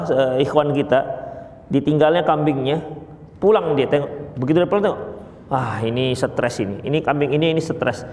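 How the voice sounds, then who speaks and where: A man preaching a sermon to a group of brothers, lively and joking as he explains a verse. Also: sits high. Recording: echoey hall.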